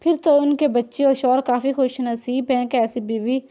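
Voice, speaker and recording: A woman's voice: high-pitched, steady tone, moderate pace, dark tone, close to an everyday voice. Woman doing a blunt, outspoken young woman.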